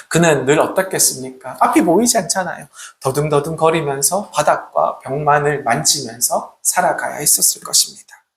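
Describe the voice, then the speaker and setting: A pastor preaching a sermon in a church, emphatic, swinging between loud passages and hushed ones. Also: mid-range voice. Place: church sanctuary. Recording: echoey church hall.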